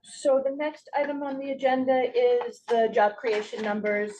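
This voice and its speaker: A woman's voice: high voice, moderate pace, mellow. A woman leading agenda items at a board meeting, talking casually with frequent ums and restarts. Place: meeting room. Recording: distant mic with faint hiss.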